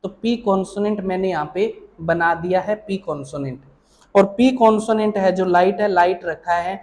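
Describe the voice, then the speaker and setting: High-voiced man teaching a steady lesson. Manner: explains slowly, often checking with "theek hai na". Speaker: shorthand teacher. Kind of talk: online classroom lesson.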